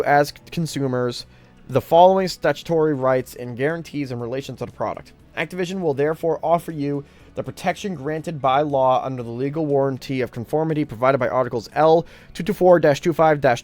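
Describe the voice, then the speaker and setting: A man reading a long legal agreement aloud word for word, stumbling now and then and correcting himself. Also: on the high side. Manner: plain read-aloud with stumbles, self-corrections and apologies; reads out punctuation such as "open bracket" and "slash". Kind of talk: verbatim reading of a legal text.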